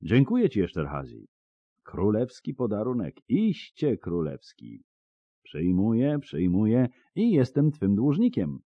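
A man's voice: on the low side, huge pitch swings, a little slow, dry recording, dull audio, pitched above the performer's own voice, heavily acted. A man voicing a harsh, menacing bounty hunter in an audiobook, curt and growling. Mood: gruff. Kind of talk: audiobook character voice.

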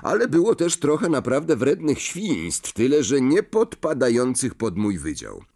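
A man's voice: mid-range voice, huge pitch swings, normal speed, darkish tone, voice pushed up. A man voicing a thin, tired and kindly wizard father, chatty and a little nervous, in a storybook reading. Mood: weary.

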